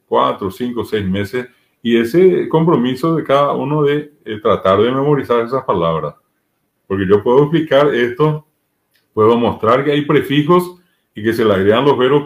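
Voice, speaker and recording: Paraguayan man patiently teaching Guarani. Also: mid-range voice. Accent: Paraguayan Spanish. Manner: patient, explains step by step with spoken examples. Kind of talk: explanatory interview talk.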